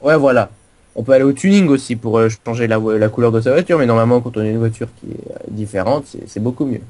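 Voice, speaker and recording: A man talks through a game server in casual commentary, his pitch sitting right in the middle of the male range. He rambles and pokes fun at himself as he explains. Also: quick pace, darkish tone. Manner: rambling, self-mocking explanations. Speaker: co-host giving a game server tour.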